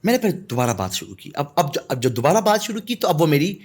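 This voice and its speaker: A man from Pakistan, a guest telling anecdotes in a podcast conversation, laughing as he goes. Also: a little high. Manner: animated anecdotal storytelling with laughter. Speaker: guest, artist and storyteller.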